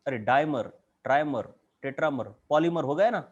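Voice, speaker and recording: A man's voice: a little high, animated, normal speed, a little mellow, dull audio. A man with an Indian accent teaching chemistry in a classroom lecture, drawing at a board and asking the class question after question.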